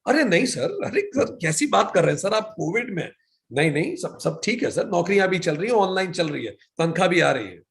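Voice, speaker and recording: A man's voice: high voice, sing-song, brisk, creaky, exaggerated voice. A male teacher acting out a flustered adult male client who politely protests and keeps saying sir. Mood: protesting.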